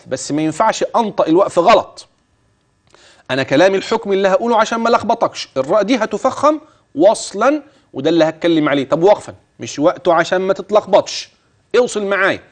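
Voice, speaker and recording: An Egyptian man teaching recitation rules, demonstrating each word patiently for the learner. His voice sits a little high and swings widely in pitch as he models the sounds. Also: expressive, fast talker. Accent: Egyptian Arabic. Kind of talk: explaining tajweed rules and reciting.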